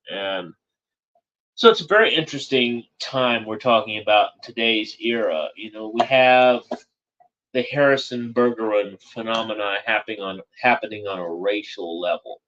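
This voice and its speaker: A man's voice: medium pitch, fairly bright tone, muffled recording. A man talking as a political commentator in a casual monologue, rambling and repeating phrases with frequent "you know".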